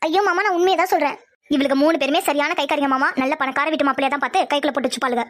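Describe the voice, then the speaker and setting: A woman's voice: high-pitched, fairly even intonation, racing, lightly acted. A woman voicing a spoiled, jealous young woman who talks in a whiny, sarcastic way in a cartoon dub.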